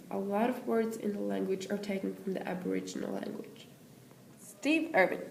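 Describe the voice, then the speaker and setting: A teenage girl with a Swedish accent reads her school presentation steadily, with a gravelly edge to her voice. The room echoes around her, and a faint hiss runs underneath. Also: medium pitch, a little mellow. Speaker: student presenter. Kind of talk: school presentation read aloud.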